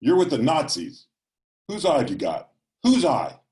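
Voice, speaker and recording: A man voicing a paranoid, mentally ill mother who shouts accusations, in a raised, loud voice. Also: on the low side, moderate pace, natural voice. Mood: shouting, accusing.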